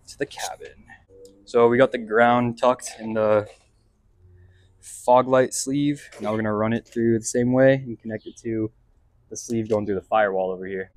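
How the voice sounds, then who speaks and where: Working in and around a pickup truck, this vlog host talks through his car install in a laid-back, slang-heavy manner, as if thinking out loud. His voice sits on the low side with a somewhat dark tone.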